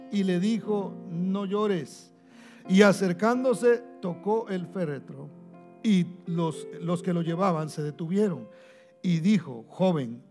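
A male pastor preaching a sermon, calling listeners brother, repeating phrases for emphasis and swinging from loud to hushed. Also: sits high.

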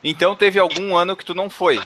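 A man's voice: high voice, fairly even intonation, fast talker, pushed and bright. A man co-hosting an interview, putting direct questions to a guest. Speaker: co-host asking questions. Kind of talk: casual interview chat.

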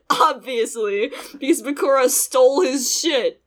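A woman's voice: sits high, slow pace. A woman co-hosting a podcast, recapping an anime episode in casual, sarcastic chat, often laughing and swearing now and then. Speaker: podcast co-host.

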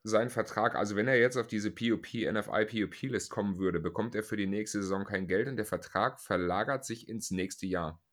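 A man's voice: lowish voice, a little fast, few pauses. A man hosting a casual sports podcast, talking through the news in a conversational, explanatory way. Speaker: podcast host. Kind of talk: casual chat.

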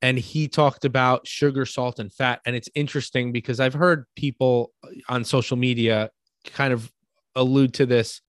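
A man with a New York accent talks through ideas in a relaxed, conversational way. He builds his points from everyday examples and keeps asking "right?" to check in. The sound is dry, with no room echo. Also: medium pitch, moderate pace. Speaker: podcast co-host. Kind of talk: casual conversational explaining.

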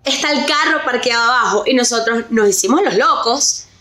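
A young Venezuelan woman with a high voice tells a story on a chatty podcast. She talks in an animated way and slips English words into her Spanish. The room adds a noticeable echo. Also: brisk. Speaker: podcast co-host. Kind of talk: casual storytelling chat. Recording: roomy echo.

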